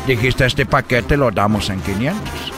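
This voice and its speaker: Man playing a stubborn customer, mid-pitched, insistent, arguing, music behind. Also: a little slow, lightly acted. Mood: argumentative. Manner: argumentative, insistent.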